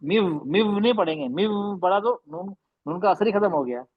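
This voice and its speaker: High-voiced man teaching recitation slowly. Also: lively intonation, slightly rough, no room sound, highs cut off. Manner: patient, repeats and slowly draws out recited words. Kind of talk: tajweed class explanation.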